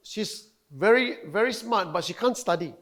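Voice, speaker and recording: A man preaching a sermon in short, broken English phrases, pausing for an interpreter and sometimes acting out voices. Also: high-pitched, expressive, a bit bright.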